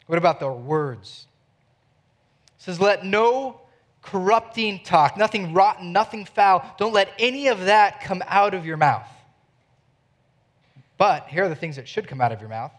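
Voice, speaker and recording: High-voiced man preaching a sermon. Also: animated, normal speed, pauses often, fairly bright tone. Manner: earnest, conversational preaching with rhetorical questions. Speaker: pastor. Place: church.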